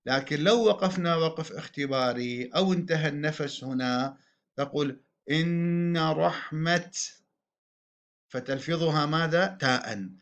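A man's voice: a little high, a bit bright. Man teaching a grammar lesson, muffled. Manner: explanatory, slows down to spell out example words. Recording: dull lo-fi recording.

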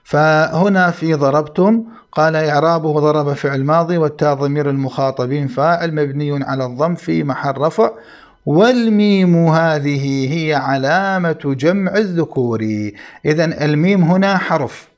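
A man's voice: fairly high pitch, normal speed. A man teaching a grammar lesson in a methodical way, repeating key terms to stress them. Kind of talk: explanatory lesson.

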